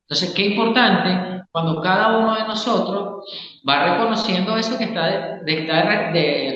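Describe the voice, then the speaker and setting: As an interview guest, this Gestalt therapist and psychologist explains concepts in a slightly bright voice that sits high, regularly pausing to check in with the listener. The recording sounds dull, with an echoey room and long reverb.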